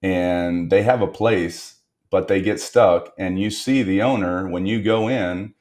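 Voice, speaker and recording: A man's voice: sits low, a little slow, a little mellow. A man speaking as a guest on a business podcast, reflecting on lessons learned and stressing points by repetition. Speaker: guest entrepreneur. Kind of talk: podcast interview.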